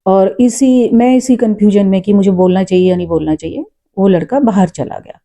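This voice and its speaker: A woman tells a personal story in an earnest, reflective way, often pausing with fillers. Her voice is very dark and mellow. Her pitch sits in a middle range. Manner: says she talks loud and forcefully. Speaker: storyteller vlogger; mother. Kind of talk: casual spoken storytelling.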